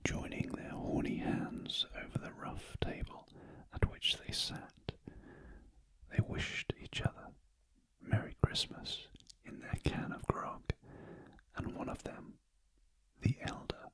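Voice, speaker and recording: A man with a British accent reads a classic story aloud as ASMR in a very gentle, breathy, unvoiced whisper, close to the listener's ears. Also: poor audio. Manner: very gentle, hushed, deliberate. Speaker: audiobook narrator. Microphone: close ear-to-ear stereo microphone.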